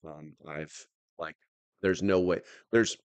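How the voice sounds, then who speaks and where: A man with a low-pitched voice and a close, dry sound chats casually to his livestream audience. He keeps a calm, unhurried tone, wandering through his thoughts with halting restarts. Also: clean tone, no echo, muffled recording. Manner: rambling, halting, trails off and restarts. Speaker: livestream host.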